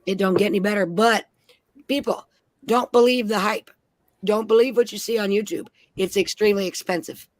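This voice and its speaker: A woman's voice: medium pitch, fairly even intonation, brisk, no echo. Woman from Minnesota, casual panel chat, swears constantly, blunt, dry close sound. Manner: blunt and heavily profane. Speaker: panel guest.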